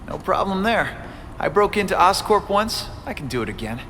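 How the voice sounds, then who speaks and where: A man's voice: high-pitched, sing-song, moderate pace, pushed and bright, big-room sound, a little hiss or hum, full character voice. A young man acting a wisecracking, earnest masked superhero in a video game cutscene. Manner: wisecracking, eager.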